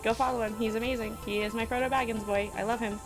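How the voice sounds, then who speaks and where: Talking fast in a slightly high voice with fairly even intonation, a woman makeup vlogger gives casual reactions and tutorial tips in a blunt, sassy, self-mocking way. The audio is poor, and music plays behind her.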